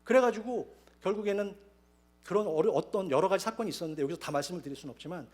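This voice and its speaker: A man preaching a sermon as pastor, telling his own story with lively storytelling. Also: high-pitched, racing. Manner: animated storytelling, acting out quoted voices. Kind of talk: sermon with personal testimony. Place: church sanctuary.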